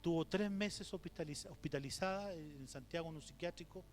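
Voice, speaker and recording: High-voiced Chilean pastor in a reverberant hall. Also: male voice, fairly quick, soft background music. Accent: Chilean Spanish. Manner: storytelling with rhetorical questions, acts out quoted voices. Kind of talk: teaching talk at a church conference. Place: church hall. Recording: reverberant hall with faint hum.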